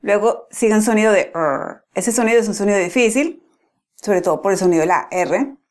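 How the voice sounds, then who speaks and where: A woman's voice: mid-range voice, brisk. A young woman giving a casual pronunciation lesson, explaining patiently step by step with frequent restarts. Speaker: pronunciation teacher.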